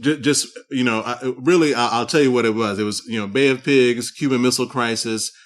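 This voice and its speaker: A man's voice: mid-range voice, brisk. A man hosting a casual interview podcast, thinking aloud and often repeating words as he frames his questions. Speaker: podcast host.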